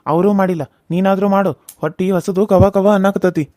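A man's voice: sits high, fairly even intonation, fairly quick, warm tone, dry recording, studio quality, lightly acted. A man voicing a bossy, threatening young village husband in a cartoon serial, with a North Karnataka Kannada accent. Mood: domineering. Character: bullying hot-tempered young husband. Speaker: voice actor.

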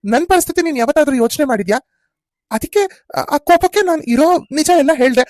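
A touchy young husband in a cartoon soap who argues back defensively, voiced by a woman in a fairly high tone. Close, dry recording. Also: lively intonation, quick pace, darkish tone, dry recording. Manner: defensive, arguing. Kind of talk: cartoon serial voice acting.

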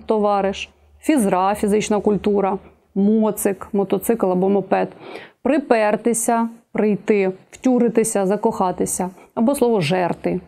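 Mellow-voiced woman teaching a lecture. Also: medium pitch. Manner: measured, listing examples one by one. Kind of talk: exam-prep video lecture.

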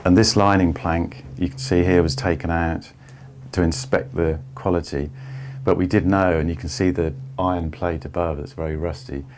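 A man in his fifties giving a measured, step-by-step tour of an old barge's wooden hold. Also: low voice, flat delivery, darkish tone, a little hiss or hum. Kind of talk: explanatory walking tour.

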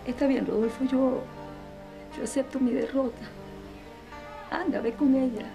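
A woman's voice: on the high side, creaky. A bitter, jilted woman. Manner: reproachful, bitter. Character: bitter jilted woman letting her lover go. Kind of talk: telenovela acting.

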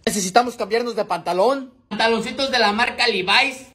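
A man with a Mexican Spanish accent narrating mock tutorials in a deadpan, step-by-step way. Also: extremely high pitch, brisk. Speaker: comedy creator.

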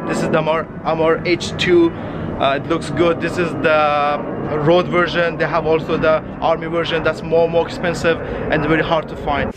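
In a casual walk-and-talk vlog, a man in his twenties points out cars around an outdoor lot, speaking chatty, non-native English to a camera held at arm's length. His fairly high voice moves little in pitch and keeps a normal speed. Faint outdoor street noise runs underneath.

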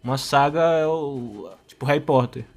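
A man's voice: medium pitch, normal speed. Young male, Brazilian accent, slushy tongue-tied sibilants, loose slangy gamer chat. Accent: Brazilian Portuguese. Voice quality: slushy lisp, tongue-tied s and z, poor diction. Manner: slangy, laughs often. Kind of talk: casual chat over gameplay.

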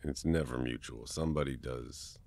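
A young man in a whispered role-play as a best friend, casual and swearing, teasing then gently comforting, close to the mic. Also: extremely low pitch, moderate pace. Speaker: ASMR boyfriend role-play performer.

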